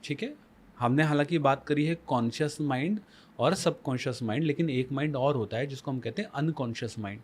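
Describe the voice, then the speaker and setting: A man's voice: medium pitch, a little fast, darkish tone, husky. A man as the guest life coach on a podcast, explaining emphatically with rhetorical questions and mixing Hindi with English phrases. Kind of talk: podcast conversation.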